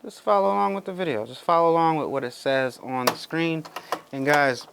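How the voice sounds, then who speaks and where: A man's voice: on the high side, brisk, gravelly. A man hosting a casual embroidery how-to, chatting to viewers as he works and often calling them guys. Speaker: embroidery channel host. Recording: sewing machine noise in background. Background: running embroidery machine.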